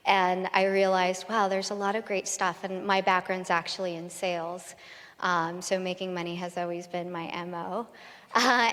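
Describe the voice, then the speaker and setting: A woman at a medium pitch giving a brisk, upbeat panel answer. She is an investor speaking from a conference stage. A long hall reverb hangs behind her words. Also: fairly bright tone. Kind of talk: conversational panel talk.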